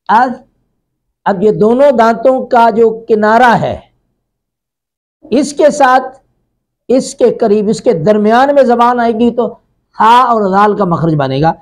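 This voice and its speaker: A man's voice: high voice, a little mellow. Male Quran teacher, patient step-by-step explainer, repeats each sound many times. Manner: explains tongue and teeth positions step by step. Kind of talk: online pronunciation lesson.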